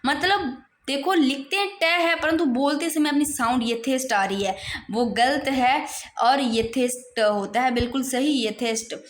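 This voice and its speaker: A woman with a high, bright voice teaches an exam-prep spelling lesson, repeating each word slowly and patiently. Her voice rings in a roomy, echoey space. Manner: explains patiently, repeats words slowly, addresses students as brother. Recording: echoey room.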